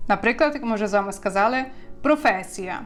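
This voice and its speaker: A woman teaching an online language lesson, drilling words slowly and asking her learners questions. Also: mid-range voice, lively intonation, fairly bright tone, faint music behind.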